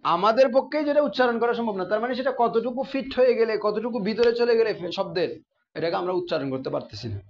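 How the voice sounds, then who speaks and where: A man's voice: sits high, lively intonation, fast talker, highs cut off. A man teaching a class, often asking his students questions and repeating the key terms. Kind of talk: classroom grammar lesson.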